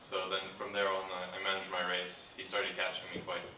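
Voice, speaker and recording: Low, flat-voiced racing driver. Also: male voice, echoey room, far from the mic, background noise. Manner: modest, measured recounting with halting restarts. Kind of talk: press conference answers. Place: press conference room.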